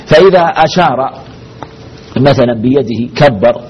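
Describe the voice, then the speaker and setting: A man's voice: mid-range voice, lively intonation, unhurried. A man teaching a religious law lesson as a sheikh, asking his class questions and repeating the key phrases. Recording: dull lo-fi recording with faint noise.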